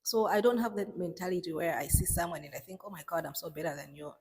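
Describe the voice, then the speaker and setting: A woman's voice: fairly low pitch, fast, a little mellow, husky, long reverb tail. A young woman from Malawi talking casually to camera, chatty and emphatic, often laughing and repeating words for emphasis. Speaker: vlogger. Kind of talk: casual vlog monologue.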